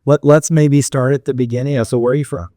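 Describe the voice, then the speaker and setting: A man hosting an interview podcast, upbeat and friendly, reacting quickly to his guest. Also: medium pitch, steady tone, warm tone, dry recording, studio quality. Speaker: podcast host.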